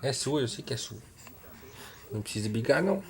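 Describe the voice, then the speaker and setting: A man's voice: medium pitch, very animated, a little fast, creaky. A man, chatting playfully with his baby in a home video, teasing her in baby talk. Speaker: father talking to his baby. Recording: home video with loud background noise.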